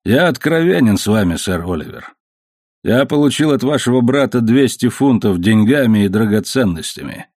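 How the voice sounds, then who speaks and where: A man reading the part of a sly, good-natured ship captain who talks in a smooth, bargaining way. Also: medium pitch, animated, normal speed, a little mellow, no echo, studio quality, close to an everyday voice.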